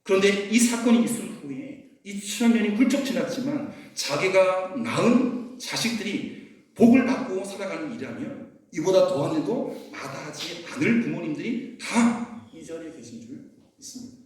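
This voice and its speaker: A man's voice: sits high, sing-song, normal speed, a little mellow. Emphatic male pastor in an echoey hall. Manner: emphatic, asks the congregation questions. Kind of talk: sermon. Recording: echoey church hall, mic far off.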